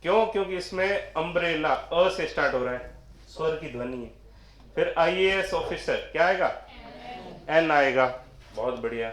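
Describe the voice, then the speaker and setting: A man's voice: fairly high pitch, fairly bright tone. Echoey male teacher quizzing a class. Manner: quizzing students, answering his own questions. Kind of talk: classroom lecture.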